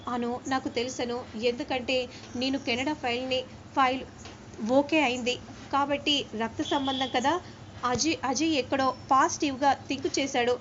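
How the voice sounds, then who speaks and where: A woman voicing a calm adult man who reassures and explains steadily. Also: high voice, normal speed, a little hiss or hum. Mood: soothing. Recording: dull lo-fi with faint ambience.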